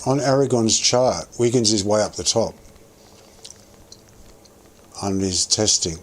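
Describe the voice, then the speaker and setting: A man's voice: fairly low pitch, slow, a little hiss or hum. A man streaming a game and chatting casually, thinking aloud with lots of restarts while chewing gum. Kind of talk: casual gameplay commentary.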